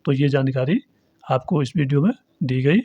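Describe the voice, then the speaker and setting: A man teaching Hindi pronunciation, speaking slowly and deliberately and repeating example words one at a time. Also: mid-range voice, dark tone, no room sound. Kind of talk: pronunciation lesson. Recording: dull, dry, lo-fi recording.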